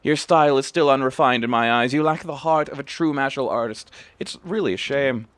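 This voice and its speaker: A man's voice: medium pitch, fairly quick, fairly bright tone, dry recording, lightly acted. A man voicing a stern old male martial arts master, reading game dialogue in a formal, declaiming way. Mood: lofty.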